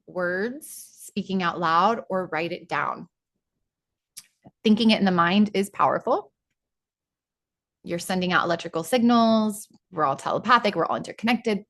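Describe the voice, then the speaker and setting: A woman leading an online spiritual workshop, talking in a chatty, excitable way with many restarts, over a video call. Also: mid-range voice, normal speed. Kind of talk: informal spiritual teaching talk.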